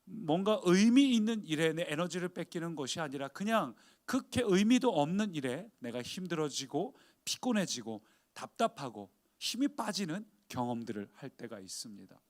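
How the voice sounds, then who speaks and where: Guy pastor giving a sermon, pretty high voice, chatty, keeps asking the crowd stuff. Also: big pitch swings, normal speed, few pauses. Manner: conversational, asks the congregation questions.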